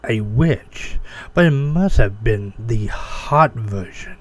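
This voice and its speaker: A man giving an amateur dramatic reading of fan fiction, with amused asides. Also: medium pitch. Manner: breaks character with amused asides.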